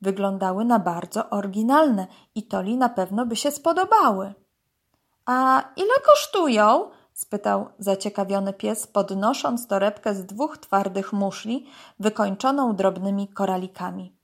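A woman narrating a children's animal story, reading aloud gently. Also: medium pitch, normal speed, hardly any pauses.

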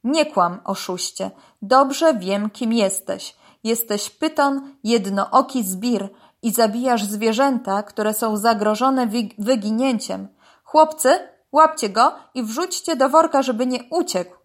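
A woman voicing a stern male crocodile policeman who barks orders and then explains calmly. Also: medium pitch, takes it slowly, few pauses. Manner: loud commanding, then calm explaining.

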